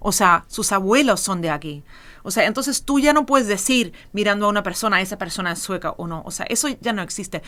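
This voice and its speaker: A middle-aged woman on a podcast panel, arguing her point in a casual debate with emphatic, animated delivery. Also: mid-range voice, brisk.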